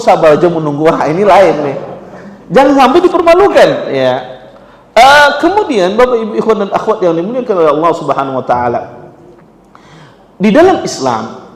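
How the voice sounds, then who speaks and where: A man with a Banjar Indonesian accent preaching in an animated, conversational way, with local phrases. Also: sits high. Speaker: Islamic preacher. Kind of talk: sermon. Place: prayer room. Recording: echoey prayer room, long reverb.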